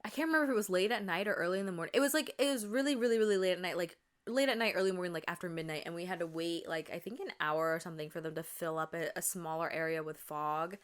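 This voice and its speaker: Speaking fast with hardly any pauses, she has a lowish, clean-toned voice. The young podcast host keeps it casual and rambling, leaning on fillers and correcting herself, sounding a bit congested and tired.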